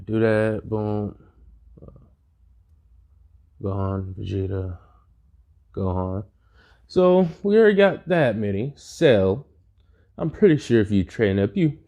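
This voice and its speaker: A man's voice: lowish voice, expressive, takes it slowly, pauses often, mellow. Laid-back man improvising a fan story. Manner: rambling, profane, laid-back.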